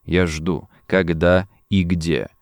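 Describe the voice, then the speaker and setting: A male narrator voicing a calm, cold detective who speaks slowly and softly with quiet menace. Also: sits low, dry recording, voice pushed down. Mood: cold threat. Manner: slow, soft and menacing.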